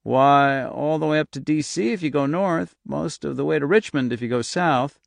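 A man voicing a dazed male psychiatrist who speaks in a dreamy, distant, slow voice that trails off, as in an audiobook. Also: a little high, creaky, no echo. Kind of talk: audiobook narration.

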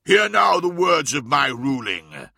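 A man's voice: on the high side, sing-song, unhurried, vocal fry, pushed and bright, dry recording, studio quality, exaggerated voice. A man voicing a solemn, commanding god-emperor. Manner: grave, commanding proclamation. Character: all-powerful godlike male emperor, solemn.

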